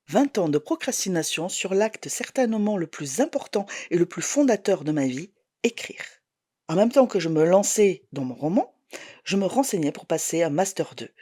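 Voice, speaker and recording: A woman's voice: mid-range voice, darkish tone, no echo, clean studio sound. A woman in her forties reading her own novel aloud as a first-person audiobook, telling the story expressively. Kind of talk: audiobook narration.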